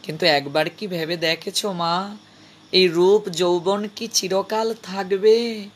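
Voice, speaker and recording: A man playing a kind old holy man who speaks softly and tenderly, in a gentle, admonishing way. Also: high voice, steady tone, slow. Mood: gently admonishing. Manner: soft, tender, calls her mother.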